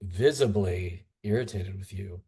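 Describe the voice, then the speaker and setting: A man's voice: low voice, unhurried, dark tone, breathy edge. A man who teaches English, a guest in a casual podcast chat, rambling and antsy as he talks. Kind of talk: casual conversation.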